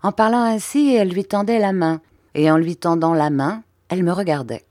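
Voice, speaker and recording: Low-voiced woman reading a novel aloud. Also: normal speed, a little mellow, dry recording, studio quality. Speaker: audiobook reader. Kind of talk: audiobook narration.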